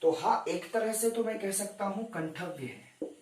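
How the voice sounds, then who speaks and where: A man with a high, somewhat dark voice speaks at a measured pace, picked up by a distant mic in a roomy space. He's giving an exam-prep grammar lecture, walking his students through it step by step and respectfully calling them "sarkar." He counts down so they can take screenshots.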